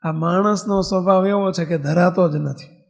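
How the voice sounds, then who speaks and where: A man's voice: high voice, fairly even intonation, moderate pace, creaky. A man with a Gujarati accent, a swami giving a sermon, who keeps checking in with his listeners as he tells a story. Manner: conversational, often asking the audience "bolo" and "ha?". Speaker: swami preaching to a congregation. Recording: long hall reverb.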